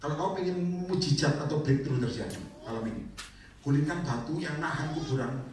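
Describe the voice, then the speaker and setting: A man preaching a lively, colloquial charismatic sermon to a congregation, teasing and exhorting them. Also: fairly high pitch, a little fast. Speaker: evangelist. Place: prayer meeting hall. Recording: echoey hall, mic far off, faint noise.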